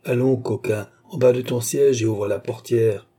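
A man's voice: medium pitch, fairly even intonation, moderate pace, warm tone, husky, natural voice. A man reading an audiobook, voicing a young officer who gives curt orders to a coachman. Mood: commanding. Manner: curt, commanding. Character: brisk, commanding young male officer.

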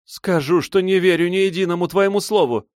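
Man voicing a shrill furious young noblewoman. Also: extremely slow, dry recording, clean studio sound. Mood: furious, sobbing. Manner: shrill, hissing outbursts. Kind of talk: audiobook character voice.

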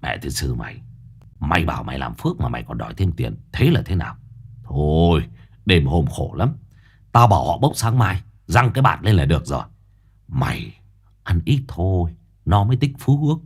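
A man voicing a greedy, crafty old fake sorcerer who talks low and wheedling. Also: big pitch swings, normal speed, heavily acted. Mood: scolding. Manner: low, gruff, sly and wheedling.

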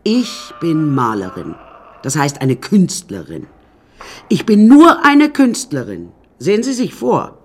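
An actor uses a full, husky character voice with huge pitch swings around a medium pitch, speaking slowly as an imperious, eccentric older woman painter in a radio drama. Haughty, theatrical and complaining, she addresses listeners directly.

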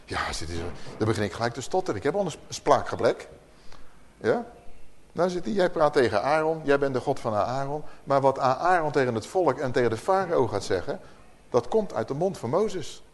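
A man teaching the Bible to a live audience, lively, asking the room questions and reading verses aloud with emphasis. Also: mid-range voice, fairly quick. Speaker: preacher.

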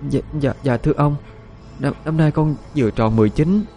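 A man's voice: fairly high pitch, lively intonation, unhurried, warm tone, faint music behind, pitched above the performer's own voice. A man voicing a frightened nineteen-year-old pregnant wife who stammers and begs. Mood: pleading. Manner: trembling, stammering, pleading. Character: terrified pregnant young village wife, nineteen.

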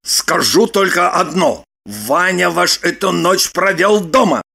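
A woman reader voicing Roman, a hungover man who talks in a gruff mutter. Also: on the low side, slow pace, fairly bright tone, exaggerated voice. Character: hungover grumbling middle-aged man. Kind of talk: audiobook character voice.

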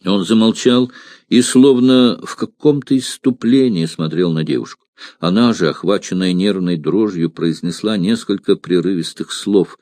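A man narrating a historical novel as an audiobook, in a measured, dramatic reading. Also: low-pitched, darkish tone, no echo, clean studio sound. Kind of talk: literary narration.

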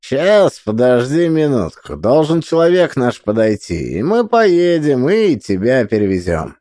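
A man's voice: medium pitch, very animated, a little slow, dark tone, no echo, clean studio sound. Man doing a coarse, jovial fat man. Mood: boisterous. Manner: coarse, mocking and boisterous.

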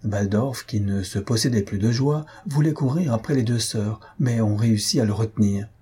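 Male audiobook narrator, measured literary reading, low husky voice. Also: dark tone. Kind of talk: scripted narration.

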